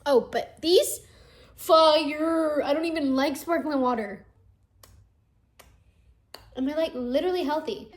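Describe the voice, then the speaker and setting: A woman's voice: sits high, slow, long pauses. A young woman filming a reading vlog, reacting dramatically to a book with gasps and swearing, recorded on wireless earbuds. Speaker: book vlogger.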